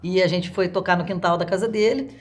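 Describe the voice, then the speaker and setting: A woman's voice: lowish voice, fairly even intonation, brisk, faint music behind. A woman with a Minas Gerais accent, telling a personal story in a chatty way. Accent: Minas Gerais Brazilian Portuguese. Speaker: interviewee. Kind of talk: casual storytelling.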